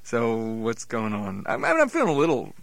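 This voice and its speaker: A man's voice: medium pitch, wildly swooping pitch, fairly quick, no room sound. A man playing the incredulous, exasperated straight man in a scripted radio comedy dialogue.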